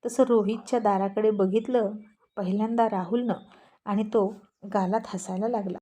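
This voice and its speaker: A woman narrating a serialized storybook romance with gentle, dramatic pacing. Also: medium pitch, fairly even intonation, moderate pace.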